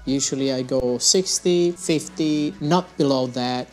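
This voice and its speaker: A young adult man hosts his fishing channel, casually chatting through his gear at a desk in a small room on a lapel mic for a gear review vlog. His mid-range voice is unhurried and darkish, with slightly non-native phrasing and soft music in the background.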